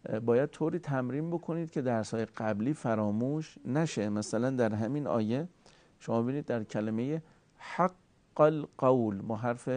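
A man giving a formal recitation lesson, courteous and deliberate, slowly drawing out sounds to show how they are made. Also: medium pitch, mellow, no echo. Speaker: Quran recitation teacher.

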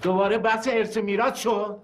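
A man's voice: high voice, flat delivery, noisy background, close to an everyday voice. An actor playing a self-righteous eldest brother who scolds and insults his siblings over an inheritance. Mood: angry. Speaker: eldest brother in a family quarrel. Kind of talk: TV drama acting.

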